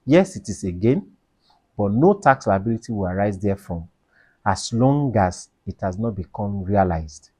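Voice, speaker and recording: Male tax explainer, low-pitched, emphatic and repetitive, dry booth-like recording. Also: animated, normal speed, warm tone, dry recording. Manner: emphatic, repeats key points, asks and answers own questions. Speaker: tax educator. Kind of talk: explainer video lecture.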